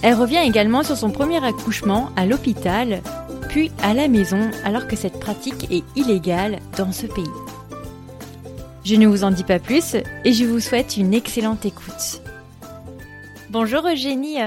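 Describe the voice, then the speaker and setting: A woman hosting a podcast interview, chatty and quick to joke. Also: fairly high pitch, animated, a little mellow, faint music behind. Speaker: podcast host.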